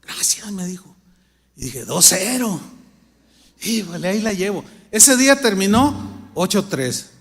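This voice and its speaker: Mexican pastor, high voice, church reverb. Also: male voice, big pitch swings. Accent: Mexican Spanish. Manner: conversational storytelling with humor, acting out his own thoughts; reads scripture louder and slower. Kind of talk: sermon.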